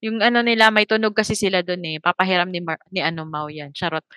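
A woman's voice: lowish voice, fairly even intonation, quick pace, pushed and bright, clean tone, no room sound. A woman co-hosting a casual podcast chat, explaining points patiently and laughing easily.

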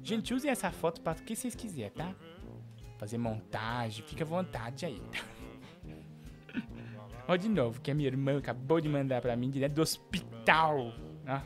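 A man hosting a comedic live stream, joking with callers and swinging between murmured asides and theatrical shouting. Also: medium pitch, animated, moderate pace, pauses often, music in the background.

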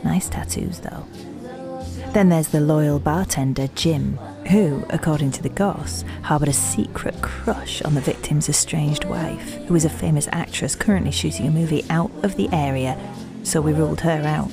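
A woman's voice: deep voice, normal speed, creaky, music in the background. A woman with a Yorkshire accent narrating a detective audio drama in a dry, self-mocking way.

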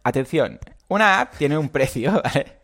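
Lively, animated host. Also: male voice, a little high, moderate pace. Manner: animated, jumps into loud playful outbursts. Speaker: podcast host. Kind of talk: live podcast chat.

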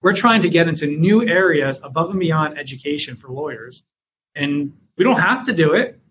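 A man talks through business lessons in an interview, and his voice sits a little high for a man. The sound is muffled and lo-fi, with a faint hiss underneath. He tells stories from his work and acts out his own past lines. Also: animated, normal speed, fairly bright tone. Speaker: guest, company founder and author. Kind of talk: interview answers.

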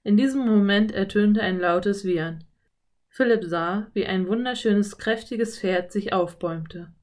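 Calm woman reading a children's story. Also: medium pitch, measured pace. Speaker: narrator. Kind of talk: children's audiobook narration.

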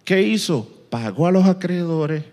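A man preaches in a slightly high voice. He tells his story with animated sound effects and acts out the voices he quotes. Long reverb trails behind him in a big hall. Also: measured pace. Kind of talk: sermon.

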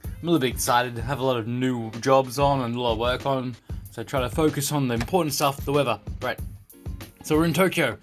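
A man's voice: mid-range voice, steady tone, brisk, faint music behind. A man hosting a casual solo podcast, rambling and jokey, repeating phrases for emphasis. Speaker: podcast host. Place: indoor room in Tokyo.

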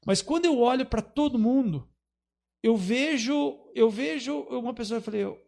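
A man's voice: extremely high pitch, normal speed, creaky. A man, a guest telling stories in a casual podcast and repeating his phrases as he goes. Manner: warm storytelling, repeats phrases. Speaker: guest, culture official and photographer.

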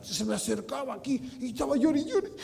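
A man preaching a sermon as pastor, emphatic and teasing, swinging between loud and hushed. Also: very high-pitched, big pitch swings, a little fast, creaky, long reverb tail. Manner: teasing, mocking asides to the congregation.

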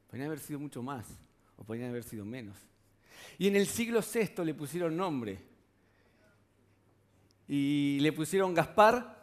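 A man with a Rioplatense Spanish accent preaching a sermon in a conversational way, often putting rhetorical questions to the congregation. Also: a little high.

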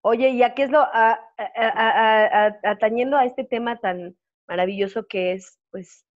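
A woman with a Mexican accent co-hosting a casual chat show, playful and joking, and quick to laugh. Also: on the high side, highs cut off. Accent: Mexican Spanish. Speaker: podcast co-host.

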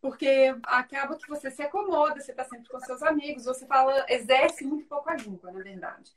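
A woman with a Brazilian Portuguese accent chats casually as an interview guest on a video call, full of tag questions and restarts. Her voice sits high and runs a little fast, and she sounds distant from the mic.

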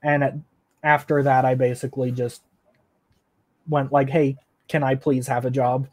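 This young adult engineering student talks at a moderate pace, his medium-pitched voice keeping a level tone. He answers the interview casually but haltingly, full of fillers and self-directed laughter.

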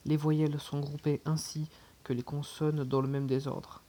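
A reader narrating a classic novel as an audiobook, in measured first-person storytelling with lively emphasis. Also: mid-range voice.

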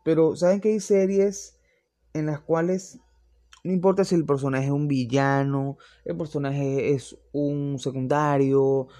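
A man's voice: fairly high pitch, level tone, unhurried, mellow. A young man, reviewing series in casual, opinionated chat that rambles and restarts often.

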